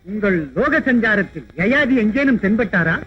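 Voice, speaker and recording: A man's voice: sits high, expressive, moderate pace, bright, forceful tone. An actor playing a proud divine king who speaks in a stately, commanding way. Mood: stern. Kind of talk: dubbed mythological film acting. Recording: dull lo-fi old film soundtrack with music.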